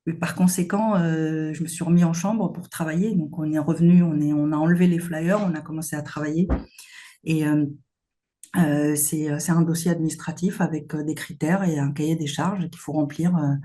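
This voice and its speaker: A woman's voice: sits low, steady tone, moderate pace, mellow. A woman founder answering interview questions earnestly, with many hesitations. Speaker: company founder, guest.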